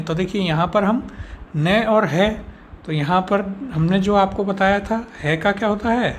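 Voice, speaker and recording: A man's voice: high-pitched, slight background noise. A man teaching a spelling lesson for an exam course, walking through words one by one and asking rhetorical questions before giving each answer. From India. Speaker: Hindi teacher.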